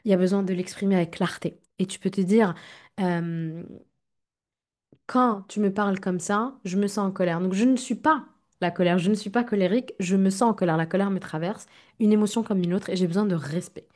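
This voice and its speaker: Woman therapist hosting a podcast monologue, mid-pitched and warm, direct coaching manner. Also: fairly quick. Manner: direct, speaks straight to the listener with frequent "ok?". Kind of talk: self-help podcast monologue.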